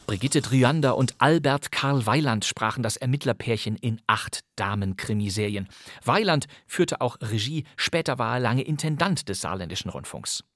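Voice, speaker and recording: A man's voice: mid-range voice, expressive, moderate pace, a bit bright, dry recording. A man hosting a programme with scripted narration, in a studio. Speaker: host and narrator. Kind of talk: scripted narration about old radio dramas. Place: dry studio with music behind.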